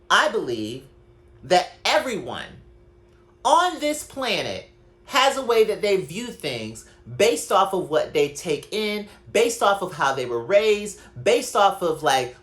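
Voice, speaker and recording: A woman's voice: fairly low pitch, sing-song, slow pace. A woman hosting her own podcast, ranting casually and profanely in a solo, digressive monologue. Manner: conversational, digressive. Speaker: podcast host.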